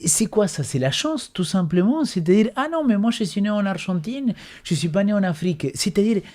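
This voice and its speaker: A man's voice: high-pitched, animated, fairly quick, a little mellow. A man on a Bible study panel who tells anecdotes with emphasis and often repeats words as he talks. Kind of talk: religious panel discussion.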